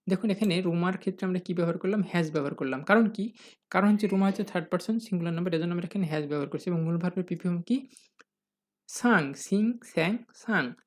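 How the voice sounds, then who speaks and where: A patient English grammar teacher giving a recorded lesson. The teacher asks questions and answers them, addresses the viewers as learners, and reads example sentences slowly. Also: medium pitch.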